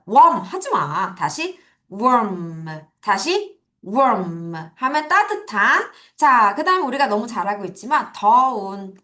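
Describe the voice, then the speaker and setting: Bright, lively Korean woman teacher. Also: a little high. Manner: drills students with call-and-repeat questions; slow, sing-song prompting. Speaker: English teacher. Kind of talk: children's vocabulary lesson.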